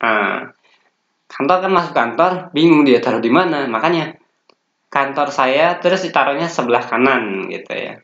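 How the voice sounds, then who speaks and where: A man's voice: mid-range voice, expressive, moderate pace, a bit bright. A man teaching a course from slides in a casual, loose way, with many fillers and restarts. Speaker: course instructor. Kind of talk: slide-based lecture. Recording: roomy, dull lo-fi sound.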